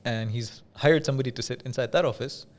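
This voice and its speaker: With a mid-range voice, a man from Dubai, UAE, speaks as an interview guest on a podcast, where he works as a business coach. His storytelling is measured and conversational, marked by pauses and phrases repeated for emphasis.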